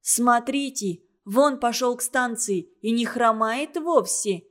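A woman voicing a small, simple-hearted girl in an audiobook, with a squeaky voice, slow and naive. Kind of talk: audiobook character voice.

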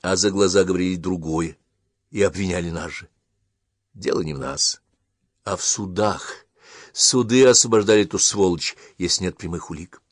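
Male narrator, historical novel audiobook, low voice, dry close sound. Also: moderate pace, dry recording.

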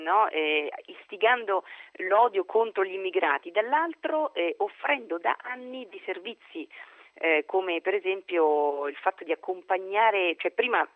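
A man comments on politics as a radio guest, hesitating and reaching for the right word. His voice is a bit high. It comes through a dry, narrow telephone line. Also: no room sound.

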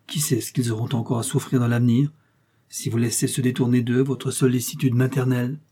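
An earnest, devoted young woman speaks in humble, pleading tones in this storybook reading, as a man reads her lines. The voice is dark and husky. Her words come out emotional and sincere. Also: medium pitch, level tone, a little fast, close to an everyday voice.

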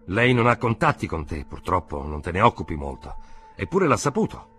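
A man's voice: deep voice, sing-song, fairly quick, fairly bright tone, soft background music. A man reading an audiobook, voicing an agitated elderly country uncle who talks urgently and pleads. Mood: insistent.

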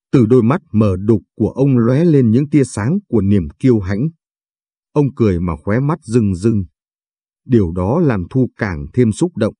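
Man narrating a story, calm and steady, dark mellow voice, dry close sound. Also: lowish voice, husky, dry recording.

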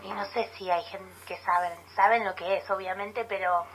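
A woman's voice: mid-range voice, fairly even intonation, moderate pace, a bit bright, husky, poor audio. Woman chiming in on the radio. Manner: chimes in with short agreements and laughs. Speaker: radio co-host. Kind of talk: casual radio chat. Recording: radio broadcast with faint noise.

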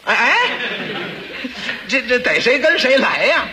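A man's voice: very high voice, big pitch swings, a little slow, background noise, voice pushed up, heavily acted. A man voicing a scheming court official who wheedles and stammers with feigned humility. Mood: sly. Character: sly fawning male court official, scheming.

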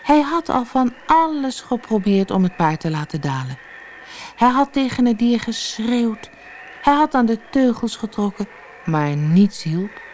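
A woman reading a fairy tale aloud for an audiobook, measured and expressive. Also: on the high side, a little hiss or hum. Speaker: storyteller.

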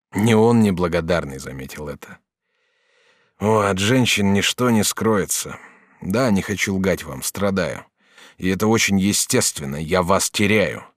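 A man reading an audiobook, voicing a noble, grieving older master artist who speaks in halting, broken phrases. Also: deep voice, no room sound, clean studio sound. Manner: halting, broken, restrained sorrow.

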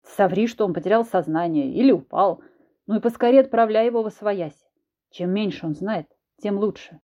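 Woman putting on a brusque magical man who used to be a cat, clipped and bossy, low mellow tone. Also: moderate pace, lo-fi sound, lightly acted. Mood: commanding. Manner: curt, commanding.

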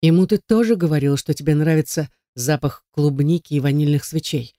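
A man reading an audiobook, voicing a jealous, rough-spoken young man who growls his lines. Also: fairly high pitch, brisk, warm tone, no echo, clean studio sound, close to an everyday voice. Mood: bitter. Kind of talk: audiobook character voice.

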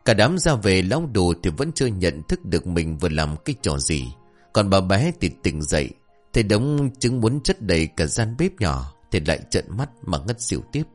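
Expressive low-voiced male storyteller. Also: moderate pace, soft background music. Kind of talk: folk tale narration.

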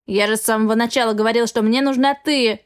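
A woman's voice: fairly high pitch, steady tone, fast talker, clear, resonant tone, close to an everyday voice. A woman voicing a pushy, demanding young man in an audiobook. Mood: shouting. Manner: demanding and insistent. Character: pushy scheming young man, a rival suitor. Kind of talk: audiobook character reading.

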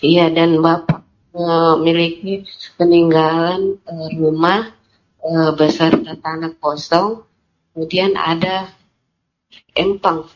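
A woman's voice: deep voice, steady tone, slow, long pauses. A woman calling in with a question, her voice breaking up and cutting out over a glitchy line as she talks hesitantly with many fillers. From Indonesia. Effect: glitchy broken-up call signal, voice cutting out. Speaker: caller asking a question. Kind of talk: phone-in question to a teacher. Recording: dull lo-fi call line.

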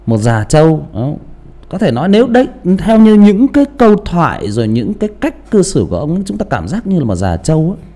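Audiobook guy chatting about character voices, warm mellow tone, very lively pitch, keeps repeating himself. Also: a little fast. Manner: animated, repeats and restarts, asks listeners rhetorical questions. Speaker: audiobook narrator.

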